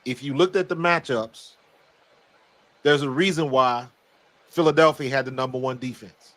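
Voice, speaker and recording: A hoarse American man with little voice left talks football as a guest analyst. He is blunt and emphatic, often repeating words for force, at a middling pitch. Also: moderate pace, a bit bright. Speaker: guest football analyst, former pro player. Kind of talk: casual sports talk.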